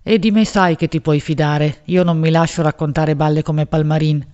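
A woman's voice: deep voice, steady tone, normal speed, a little mellow, natural voice. A woman reading aloud and doing a nosy, gossipy man who pries into his friend's love life, teasing and insistent. He is lightly exaggerated, as in a storybook read aloud, on a slightly dull, lo-fi recording.

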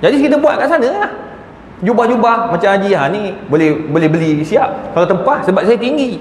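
Malaysian male lecturer, high pitched and very animated, storytelling, echoey hall recording. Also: brisk, slight background noise. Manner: animated anecdotes, acts out quoted voices. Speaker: religious lecturer. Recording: echoey hall with faint ambience.

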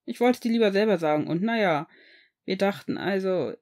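A woman's voice: mid-range voice, brisk, a little mellow, natural voice. A tall, friendly young man with a slightly awkward, rambling way of explaining, as a woman reads him. He sounds amiable and open, in a plain audiobook reading.

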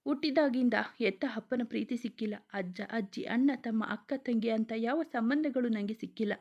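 Casting: woman doing a gentle, heartbroken young man for a storybook, soft pleading lines, slightly high. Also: moderate pace, highs cut off. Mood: crying. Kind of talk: storybook reading.

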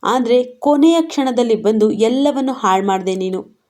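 A woman voicing a jealous, scheming young man who bitterly confesses his obsession, in a mellow tone. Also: on the high side, normal speed, lightly acted.

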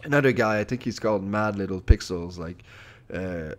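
A man co-hosting a casual gaming podcast, talking hesitantly with many restarts and trailing off quietly. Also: on the low side, normal speed. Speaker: podcast co-host.

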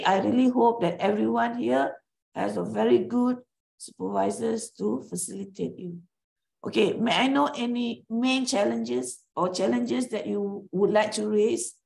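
A woman's voice: a little high, normal speed, gravelly, darkish tone, rough recording. A middle-aged woman dean, speaking to postgraduate students over a video call in an encouraging way with many "okay"s, and coughing from a bad cough. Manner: encouraging, reassuring, with frequent "okay" and hesitations. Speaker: faculty dean. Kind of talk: open Q&A session with postgraduate students.

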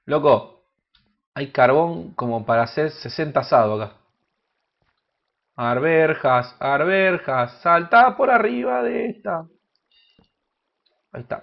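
A gaming YouTuber with an Argentine Spanish accent delivers crude, joking commentary on his gameplay, now and then erupting into loud shouts. His voice is mid-range and creaky, and the audio sounds dull.

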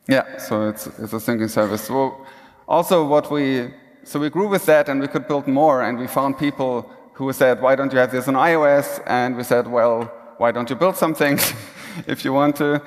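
This man's keynote on a large conference stage is informal and full of restarts. He speaks at a medium pitch and normal speed, his words ringing through a reverberant hall.

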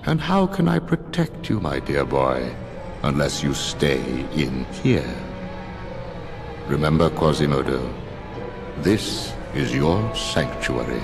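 An actor playing a cruel, stern old judge in a video game, condescending and menacing in a deliberate way. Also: male voice, rumbling low, very animated, over music, heavily acted. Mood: falsely kind, condescending. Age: older. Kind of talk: animated video game acting.

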